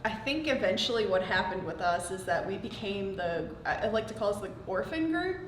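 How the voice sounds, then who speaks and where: A woman's voice: mid-range voice, lively intonation, fairly quick. A woman describing her film team in an easygoing, slightly hesitant way. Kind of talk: casual interview. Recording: echoey room with faint background noise.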